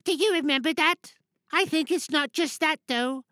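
A man's voice: very high-pitched, moderate pace, bright, forceful tone, no echo, studio quality, pitched above the performer's own voice. A man voicing a young girl cartoon piglet, speaking in a childlike way. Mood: wistful, confiding. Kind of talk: dramatic monologue reading in character.

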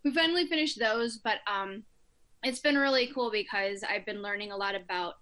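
A woman's voice: medium pitch, normal speed. A woman from northern Mexico, co-hosting a casual chat, talking at length and laughing often. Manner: chatty, laughs often, animated asides. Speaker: co-host.

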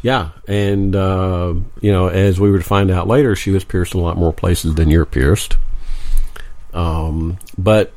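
Man, low voice, gravelly, podcast co-host, wry joking storyteller. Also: fairly even intonation, a little slow, a little mellow. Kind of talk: casual storytelling chat. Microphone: podcast microphone.

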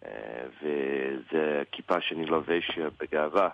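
A man with an American English accent in Hebrew, a native English speaker, answers a radio interview as a rabbi, haltingly searching for words. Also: very deep voice, creaky, muffled recording, a little hiss or hum.

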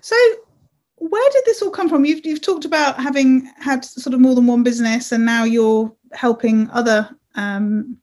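A woman with a fairly high voice hosts an interview. She talks conversationally, circling and rephrasing her questions as she goes. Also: normal speed, a little mellow. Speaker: interviewer, host.

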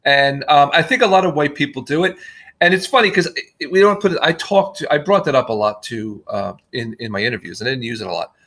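A guest filmmaker on a podcast talks casually in a rambling, self-deprecating way, often restarting his sentences. His voice is medium in pitch and fairly bright, with lively intonation and a quick pace.

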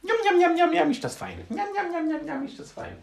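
Tiny greedy gnome, swiss german, super high squeaky sing-song, roomy sound from a ways off. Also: male voice, wildly swooping pitch, fairly quick, creaky, a little hiss or hum, exaggerated voice. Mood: greedy glee. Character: greedy mischievous little male gnome. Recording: roomy, from a distance.

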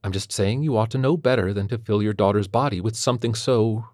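A man puts on a prim female kindergarten teacher in an audiobook, her voice lifted well above his own deep register. She talks down sweetly, preachy and passive-aggressive, recorded close and dry. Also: fairly quick, darkish tone, no room sound, close to an everyday voice. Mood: condescending. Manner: condescending, sugary, preachy. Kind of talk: audiobook character voice.

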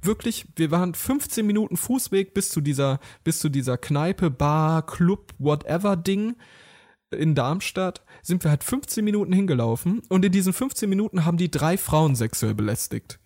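A man's voice: fairly high pitch, lively intonation, normal speed, warm tone. Rambling, self-mocking man telling a story. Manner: rambling, self-mocking anecdote with acted-out quotes. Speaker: podcast co-host. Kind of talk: casual chat, storytelling.

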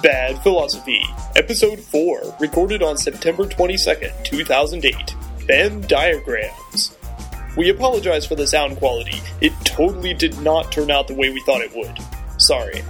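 A man announcing a casual podcast episode, heard on low-quality, echoey audio. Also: moderate pace, fairly bright tone, soft background music. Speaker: podcast panelist.

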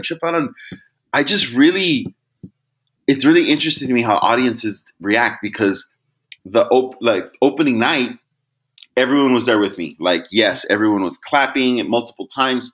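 Young podcast guy ranting casually, voice shoots way up when he mimics people. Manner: animated, mimics crowds in loud high-pitched bursts. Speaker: podcast co-host. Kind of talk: casual chat.

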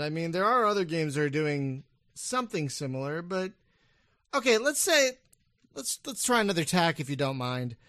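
A man's voice: a little high, fairly bright tone, no echo, clean studio sound. A man hosting a casual podcast interview, chatty and upbeat, often restarting his sentences. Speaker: podcast host.

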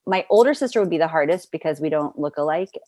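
A woman's voice: low-pitched, lively intonation, quick pace, mellow, no room sound, clean studio sound. A woman in casual conversation, chatty and upbeat, laughing easily as she talks. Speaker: actor. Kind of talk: casual chat. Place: Los Angeles area.

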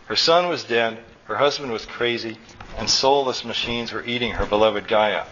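A man reading his own story aloud at a college event, in steady, plain narration. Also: medium pitch, moderate pace. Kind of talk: live fiction reading. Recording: dull lo-fi live recording.

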